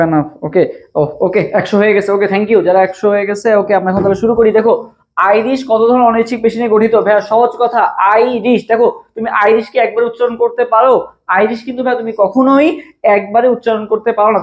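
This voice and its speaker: Fast-talking young tutor drilling questions. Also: male voice, sits high, highs cut off. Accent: Bangladeshi Bengali. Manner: fast, repetitive, drills each question over and over. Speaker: admission test tutor. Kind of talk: live-streamed exam prep class.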